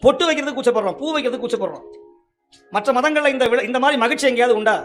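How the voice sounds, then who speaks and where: A man giving a lively, humorous devotional sermon as a Shaiva religious speaker, often acting out other people's remarks. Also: extremely high pitch, rapid-fire, soft background music. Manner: lively humorous preaching with acted quotes.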